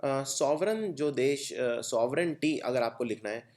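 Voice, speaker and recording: A young man with an Indian accent gives an exam-prep vocabulary lesson, explaining step by step and spelling words out letter by letter. His mid-range voice is animated and unhurried, with a darkish tone.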